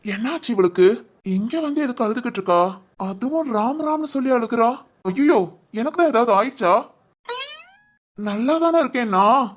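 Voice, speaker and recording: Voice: mid-range voice, animated, moderate pace, natural voice. Voice actor doing a puzzled teasing cartoon young man. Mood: exasperated. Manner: exasperated, teasing, talks to himself. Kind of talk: Tamil cartoon voice acting.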